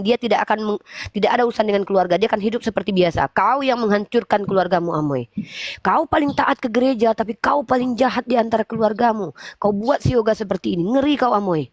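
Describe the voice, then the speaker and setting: A woman hosting a religious debate livestream, scolding and preaching in a forceful way. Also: medium pitch, no room sound. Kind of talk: livestream talk.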